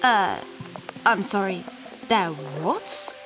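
A woman voicing an excitable, playful young hero who jokes and talks straight to the listeners. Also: mid-range voice, very slow, over music, low-quality recording. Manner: eager, jokey. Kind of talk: kids' audio drama.

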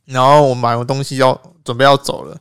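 A man's voice: medium pitch, level tone, quick pace, a bit bright, clear, resonant tone, dry recording, clean studio sound. A man with a Taiwanese Mandarin accent, co-hosting a casual chat show, telling stories with frequent laughs and casual swearing. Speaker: podcast co-host.

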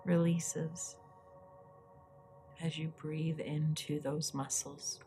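A woman hosting a guided meditation, speaking in a soft, breathy, soothing way with long pauses. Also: sits low, level tone, faint music behind. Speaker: guided meditation podcast host.

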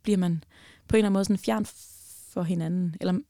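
A woman telling a personal story in a casual chat, her voice gravelly and fry-laden. She talks animatedly, swinging between loud bursts and hushed near-whispers. The sound is dry and close, with no room around it. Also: on the low side, steady tone, no echo.

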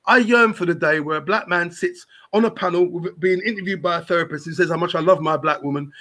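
High-voiced man, emphatic. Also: quick pace, pushed and bright. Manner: emphatic, rhetorical, repeats phrases for weight. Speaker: guest on a panel show. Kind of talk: impassioned opinionated talk.

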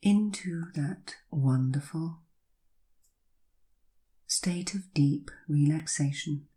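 A woman leads a listener through hypnosis in a low, breathy, mellow voice that stays soft throughout. She talks very slowly, drawing out calming phrases and breaking them with long pauses.

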